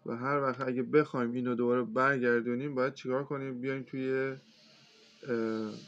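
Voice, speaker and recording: Relaxed man with a dull recording. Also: mid-range voice. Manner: relaxed, hesitant, many filler sounds. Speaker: computer instructor. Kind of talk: casual step-by-step phone tutorial. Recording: slightly dull lo-fi sound.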